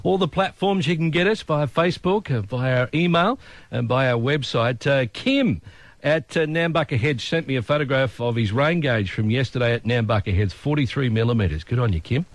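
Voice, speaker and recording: A man's voice: mid-range voice, moderate pace, no echo. An older Australian man hosting local radio with casual, matey, self-deprecating breakfast chat. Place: radio studio.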